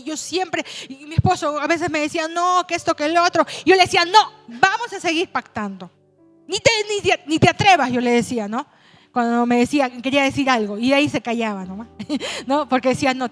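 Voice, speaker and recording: High-voiced woman pastor preaching. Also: fairly bright tone. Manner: chatty personal storytelling, slowing and stretching words for emphasis. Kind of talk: sermon.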